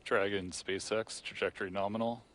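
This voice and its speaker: Man controller, low and measured, routine radio call-outs, distant space radio loop. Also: fairly even intonation, fairly bright tone. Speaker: flight controller.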